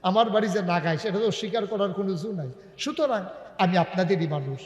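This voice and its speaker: Male preacher, high voice, impassioned sermon, booming hall reverb. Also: lively intonation, fairly quick. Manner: emotional, rising to loud sung-out calls. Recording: echoey hall with long reverb.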